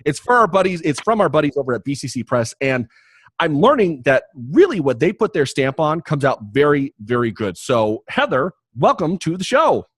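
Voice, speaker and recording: A man's voice: a little high, big pitch swings, moderate pace, breathy edge, no room sound, clean studio sound. A man hosting a podcast, chatting in a jokey, rambling way with many restarts. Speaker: podcast host. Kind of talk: casual podcast chat and promo read.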